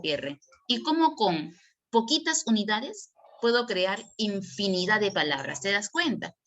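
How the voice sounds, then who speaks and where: Bright-voiced woman teaching online. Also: medium pitch. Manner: explanatory, asks and answers her own questions. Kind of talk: online language lesson.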